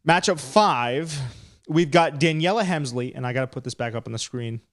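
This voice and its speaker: A man's voice: mid-range voice, normal speed, a bit bright. A man hosting a live stream, chatting casually and rambling as he breaks down fights. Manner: chatty, rambling, self-deprecating.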